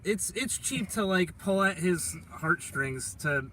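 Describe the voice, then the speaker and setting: A man co-hosting a casual movie podcast, talking in a blunt, expressive way. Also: high-pitched, slow pace. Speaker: podcast co-host. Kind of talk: casual movie review chat. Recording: faint noise, a bit off-mic.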